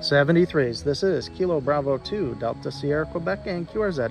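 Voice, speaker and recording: Higher-voiced man working amateur radio contacts. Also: lively intonation, a little fast, over music. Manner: repeats phrases and spells with phonetic alphabet. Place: outdoor park radio activation.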